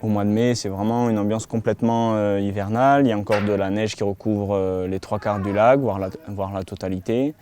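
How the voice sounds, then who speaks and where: A man's voice: fairly low pitch, a little fast, few pauses. A man who keeps a mountain hut, speaking casually in an interview with many small hesitations. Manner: relaxed, hesitant with frequent fillers.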